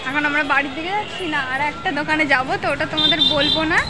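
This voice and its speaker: A woman's voice: high voice, very fast. A woman vlogging casually, chatting with her viewers as friends while out on the streets and at a market. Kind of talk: casual vlog narration. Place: outdoors on busy streets and a market. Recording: noisy street with crowd. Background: traffic and crowd noise.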